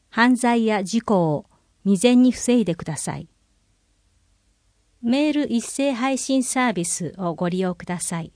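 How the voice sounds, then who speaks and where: A woman reads a city bulletin in an even, informative tone at a mid pitch. She slows down to spell out contact numbers. The recording is dry and close. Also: no echo. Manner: clear, measured, informative reading, slowing for numbers. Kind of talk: scripted reading of public notices.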